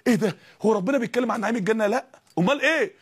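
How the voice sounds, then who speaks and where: A man with an Egyptian Arabic accent preaching a fiery sermon, firing rhetorical questions and rising to shouts. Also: high voice, racing, slightly rough.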